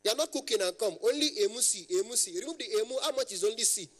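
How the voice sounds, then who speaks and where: Comic bit: a squeaky, shrill, excitable caller, loud and high. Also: male voice, quick pace. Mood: excited. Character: shrill high-voiced excitable man on phone.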